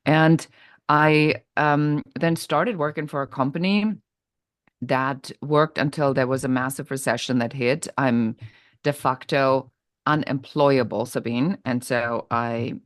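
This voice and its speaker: Candid woman, quick bursts. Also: very deep voice, dry recording, studio quality. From Germany. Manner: candid, energetic, quick bursts with frequent fillers. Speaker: podcast guest, business coach. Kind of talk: conversational storytelling interview.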